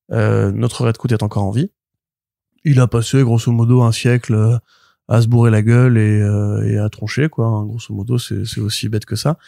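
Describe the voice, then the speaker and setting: A man co-hosting a comics podcast, retelling a plot in an animated, rambling way full of fillers and restarts. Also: mid-range voice, gravelly, no room sound, clean studio sound. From France. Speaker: podcast co-host, comics reviewer. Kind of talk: casual podcast chat.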